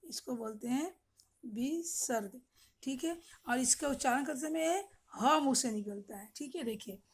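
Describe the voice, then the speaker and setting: High-voiced woman teaching slowly. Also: expressive, husky. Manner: explains slowly, repeats questions, frequent "ठीक है". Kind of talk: online class lesson.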